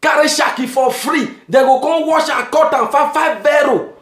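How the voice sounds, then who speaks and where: A man from Nigeria with a Nigerian Pidgin accent, doing a comic monologue, shouting his punchlines and laughing at his own jokes. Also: very high-pitched, moderate pace. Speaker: stand-up comedian. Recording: echoey room with music behind.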